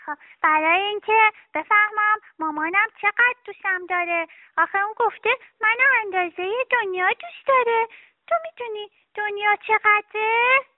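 Little girl, pouty and weepy, very high voice, dry tinny audio. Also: dry recording. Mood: innocent. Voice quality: high childlike voice, tearful. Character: little girl, sulky and easily saddened. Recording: dry, tinny phone-like sound.

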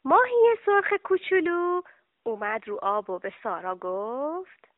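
Woman storyteller for children, animated, dry tinny recording. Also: high voice, no echo. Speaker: narrator. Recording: dry, tinny phone-like sound.

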